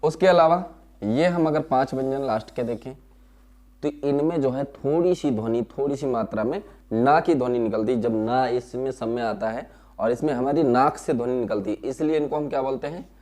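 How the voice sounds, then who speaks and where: A male teacher gives a classroom lesson at a measured pace. He sounds out syllables one at a time and repeats each key term. He often asks a question and answers it himself. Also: medium pitch, a little mellow. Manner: explains slowly, repeats key terms and answers his own questions.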